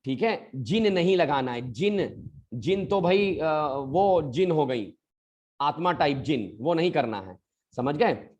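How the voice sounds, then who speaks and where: A male English teacher giving a pronunciation lesson, patiently addressing his students as children and repeating each word slowly to model it. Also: a little high, animated, a little mellow, highs cut off.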